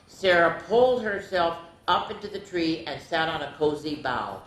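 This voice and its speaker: This storytime host is a woman with a low, expressive voice, reading picture books aloud for small children. She takes a slow, deliberate pace and adds chatty remarks to her listeners. Faint background noise can be heard in the echoey space.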